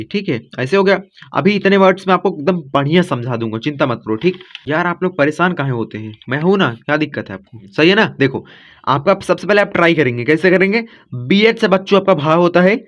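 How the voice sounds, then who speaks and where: A man's voice: high voice, muffled recording. A man giving a casual spoken lesson to children, reassuring and repetitive, often checking with "okay". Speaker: teacher.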